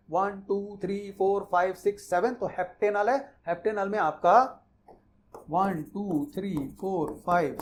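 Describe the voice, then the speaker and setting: A high-pitched male chemistry teacher explains IUPAC naming rules conversationally in a mix of Hindi and English, with slight background noise. He repeats the key points for his students.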